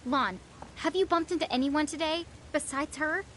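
A woman voicing a bossy, impatient young woman who is a big sister in a video game, talking briskly and insistently. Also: high voice, a bit bright, slight background noise. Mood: urgent.

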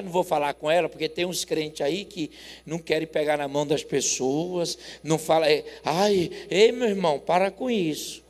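A Brazilian man in his forties preaching as a pastor, telling a story with lively acted dialogue and loud laughter. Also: high voice. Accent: Brazilian Portuguese. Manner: animated, acts out both sides of a dialogue, laughs loudly. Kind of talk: sermon storytelling. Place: church. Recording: long reverb of a church hall.

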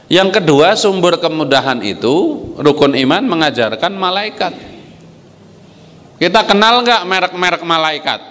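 A man preaching an Islamic lecture with humor, his voice leaping high for emphasis. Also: fairly bright tone. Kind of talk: lively religious lecture. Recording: long hall reverb.

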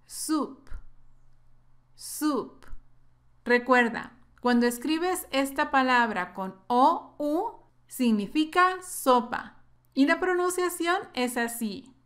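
Slow-spoken woman teaching pronunciation. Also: high voice, expressive, fairly bright tone. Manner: slow, careful drilling of words twice. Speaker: English teacher. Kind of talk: pronunciation lesson.

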